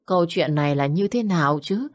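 A woman storyteller reading a dramatic story in a measured, scripted narration. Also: low voice, expressive, highs cut off.

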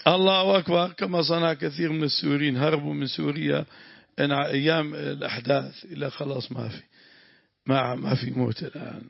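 A man's voice: fairly high pitch, little pitch movement, brisk, vocal fry, no room sound, dull audio. A man, teaching a religious lesson, explaining grammar and breaking into prayers. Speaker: sheikh teaching tafsir.

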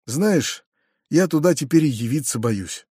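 A man reading as an excitable, flustered kind uncle. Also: a little high, slightly rough, no room sound, studio quality. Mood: gushing. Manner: gushing, hurried, stammering.

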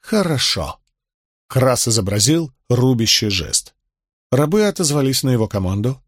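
A man narrating a historical novel in an audiobook, steady storytelling. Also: mid-range voice, normal speed, no room sound, clean studio sound.

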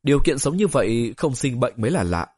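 A man reads a story aloud at a middle pitch, steady and even. His voice is close and dry, with no room sound at all. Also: fairly quick, slightly rough, no room sound. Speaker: audiobook narrator. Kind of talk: storybook narration.

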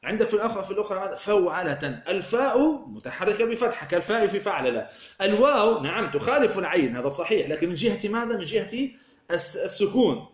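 A man's voice: high voice, sing-song, fast talker. Man teaching in an echoey room. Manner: asks questions and answers them himself, repeats words. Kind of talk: explaining a grammar poem. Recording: roomy echo.

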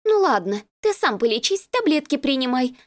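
A woman voicing a jealous young woman chattering fast and shrilly on the phone. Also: big pitch swings. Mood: appeased. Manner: rapid, shrill, accusing.

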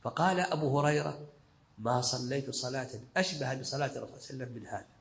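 A man's voice: mid-range voice, rapid-fire, creaky. A male sheikh giving a scholarly lesson commentary, explaining in short, repeated phrases. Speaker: sheikh teaching a fiqh text.

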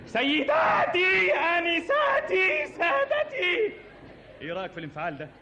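A man's voice: very high voice, huge pitch swings, moderate pace, raised voice, lo-fi sound, a crowd in the background, full character voice. A man playing a clumsy, nervous stagehand with an Egyptian accent in a 1950s radio comedy sketch, speaking in an overdone, stumbling way. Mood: comic. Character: clumsy nervous male stagehand, eager but hopeless. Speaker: bumbling assistant in a radio sketch. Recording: noisy old radio archive, live audience.

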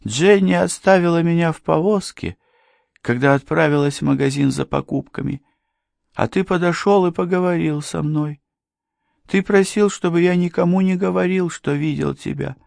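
A panicked, childlike madman who begs and pleads. The voice sits very high and thin, with a clean, dry sound. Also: normal speed, gravelly, darkish tone, dry recording. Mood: pleading. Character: frightened mad young man, childlike.

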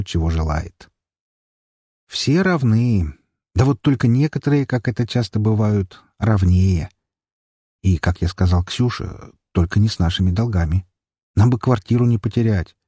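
A man's voice: fairly low pitch, warm tone, slightly rough, dry recording, clean studio sound. A man reading a first-person audiobook in a wry, sardonic storytelling manner. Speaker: audiobook narrator.

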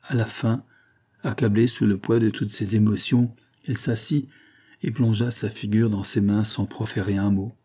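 Male audiobook narrator, classic literature; low, warm, husky tone. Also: level tone, moderate pace.

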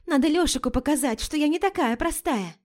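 Woman putting on a pushy slangy young gal, way higher voice, flighty. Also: lively intonation, a little mellow. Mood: chatty, cheeky. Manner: chatty and slangy, quick to take offense.

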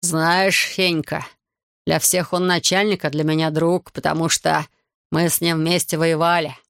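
Guy reading a drunk bragging fisherman, drawls everything, gravelly, dry close audiobook sound. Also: on the high side, little pitch movement, unhurried, no echo. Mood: drunk boasting. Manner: slurred, dragging, loud and maudlin. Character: drunk boastful fat man, sentimental old fisherman.

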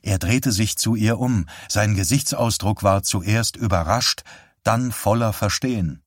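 A man narrating a literary audiobook in a measured, even storytelling manner. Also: fairly low pitch, dry recording, clean studio sound.

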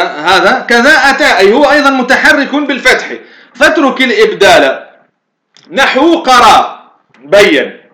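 A Tunisian teacher of Arabic morphology lectures on a grammar poem in an echoey room, explaining step by step and asking himself questions before answering them. His voice sits high with a sharp tone.

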